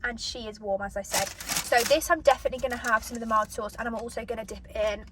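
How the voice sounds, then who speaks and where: Eating and reviewing food on camera, this British woman talks in a high voice with fairly even intonation, breaking off for bites. The mic sits at a distance, and background noise is noticeable.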